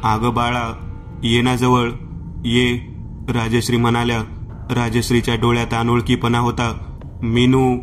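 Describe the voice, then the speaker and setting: A man with a Marathi accent narrating a horror story in a scripted storytelling style, voicing all the characters himself. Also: medium pitch.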